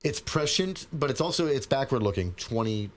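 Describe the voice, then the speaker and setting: A man's voice: mid-range voice, expressive, normal speed, slight background noise. A man co-hosting a podcast, chatting casually and rambling with restarts and frequent "right?" asides. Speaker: podcast co-host. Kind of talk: casual chat.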